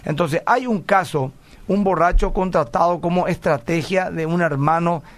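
A middle-aged man, speaking in a somewhat high voice. He hosts a radio call-in show as a pastor and tells his stories earnestly. He checks in with the listener, often asking "¿verdad?". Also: normal speed. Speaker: pastor and radio program host. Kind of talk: radio call-in talk, answering listener messages.

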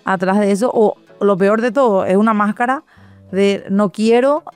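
A woman sharing a personal testimony in conversation, reflective, often pausing and adding tag questions. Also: medium pitch, darkish tone, smooth, soft background music. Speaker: guest.

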